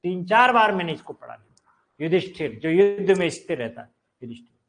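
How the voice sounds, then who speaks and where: A man's voice: sits high, big pitch swings, soft background music. A man teaching a classroom lesson on correct word spelling, repeating each word and checking that students follow. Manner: explains slowly, repeats words, checks with 'clear?'.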